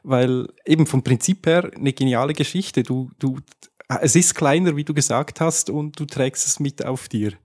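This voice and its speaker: A man's voice: mid-range voice, moderate pace, a little mellow. A man with a Swiss German accent hosting a podcast interview, asking questions casually and sometimes searching for words. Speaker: podcast host.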